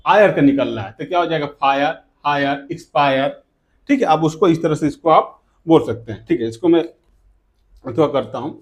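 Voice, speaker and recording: A man teaching an English pronunciation lesson who keeps asking rhetorical questions, answers them himself, and repeats example words slowly. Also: fairly high pitch. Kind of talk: classroom grammar lesson.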